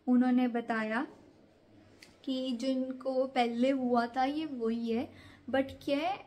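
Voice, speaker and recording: A woman's voice: high-pitched, fairly even intonation, takes it slowly, darkish tone. A young woman vlogger chatting casually to camera, rambling through a scary story from her own nights.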